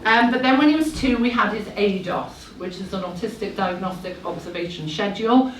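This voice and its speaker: A woman's voice: medium pitch, a little fast. A woman in her thirties tells a personal story to a live audience. She talks in a chatty, slightly nervous way and drops self-deprecating asides as she goes. She is picked up from a distance in an echoey room, over faint background noise. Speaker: speaker at a live talk event.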